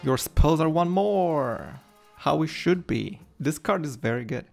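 A man's voice: fairly high pitch, animated, measured pace, gravelly. A young adult man streaming a video game with casual, playful commentary, repeating words, his mouth sounding slightly numb. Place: indoor room at home. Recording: game music behind the voice. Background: game music.

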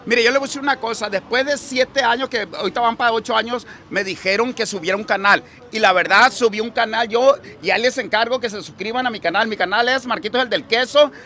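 A jovial man with a Sinaloa Mexican accent, talking outdoors on a city street in a casual, rambling interview. His voice sits very high and sounds bright and sharp, with street crowd noise around him. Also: quick pace, hardly any pauses. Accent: Sinaloa Mexican Spanish. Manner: jovial, rambling, laughs often.

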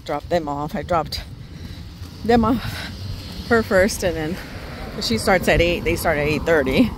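A woman's voice: on the low side, measured pace. An older woman vlogging on a walk through a park, chatting casually, slightly out of breath, and talking to her dog in baby talk. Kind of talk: casual walking vlog. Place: outdoors in a park, walking. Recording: outdoor phone audio with background noise.

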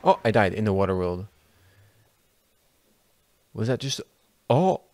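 A man's voice: lowish voice, very animated, unhurried, darkish tone, no echo. Young guy doing let's-play commentary, swears a lot, talks to viewers, voice jumps all over the place. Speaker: gaming YouTuber.

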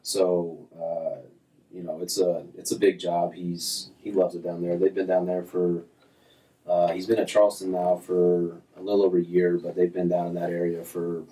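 A man's voice: sits low, moderate pace, far from the mic, poor audio. A man in his thirties, a golf instructor as guest, talking casually with lots of fillers and restarts in a small office. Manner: relaxed, rambling, many fillers and restarts. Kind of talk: casual interview chat. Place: small office with framed diplomas.

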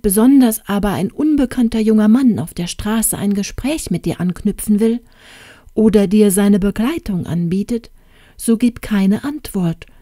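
Brief: measured female storyteller, dark mellow tone, dry studio sound. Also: mid-range voice, dry recording. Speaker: audiobook narrator. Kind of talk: scripted narration.

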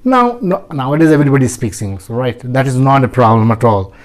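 A man's voice: mid-range voice, big pitch swings, extremely slow. A man with an Indian accent teaching English pronunciation, switching between Hindi and English and repeating example words over and over. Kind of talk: classroom pronunciation lesson.

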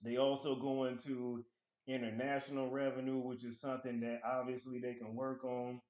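A man's voice: mid-range voice, level tone, normal speed, a little mellow. A man in his thirties, host of a finance channel, talking casually to camera at his desk at home, reading article excerpts aloud and commenting on them. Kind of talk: casual stock analysis talk to camera. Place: small room at home. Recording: echoey room.

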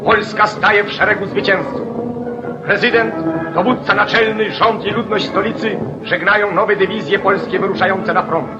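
A man delivers old newsreel narration in a rousing, commanding declamatory style. His voice sits high for a man. The 1940s soundtrack is dull and muffled, with clear music running beneath him.

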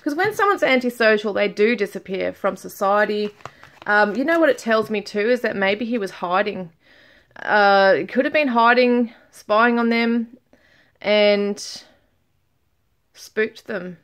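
A middle-aged woman talks through a tarot spread in a casual home video. She thinks out loud, stopping and restarting as she searches for words. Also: mid-range voice, unhurried. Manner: musing, thinking aloud with fillers and restarts. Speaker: tarot reader. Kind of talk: casual tarot reading to camera.

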